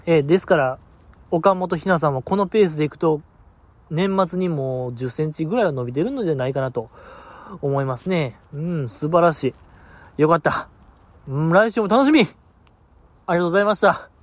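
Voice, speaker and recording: A man's voice: a little high, lively intonation, a little fast, pauses often. A man hosting a podcast alone, chatting casually in a rambling, self-mocking and sleepy way. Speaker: podcast host. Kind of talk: casual solo podcast chat.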